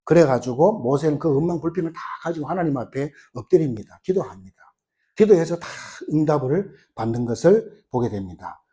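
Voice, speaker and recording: A middle-aged man preaches a sermon and acts out the dialogue as he tells the story. His voice sits high and swings widely in pitch. The tone stays mellow and unforced. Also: a little fast. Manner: animated storytelling, acting out the quoted lines. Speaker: pastor.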